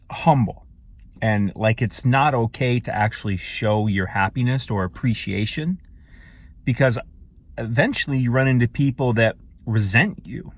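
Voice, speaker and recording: A man talking to camera in a casual, rambling monologue that grows emphatic and profane. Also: mid-range voice. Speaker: vlogger.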